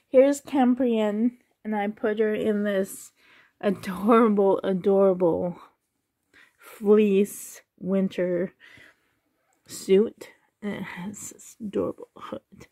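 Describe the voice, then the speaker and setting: A middle-aged woman chatting casually as a vlogger into a handheld phone at home, halting and often trailing off mid-thought. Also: medium pitch, gravelly, warm tone. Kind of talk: casual, rambling vlog chat. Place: indoors in a living room at home. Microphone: handheld phone at arm's length.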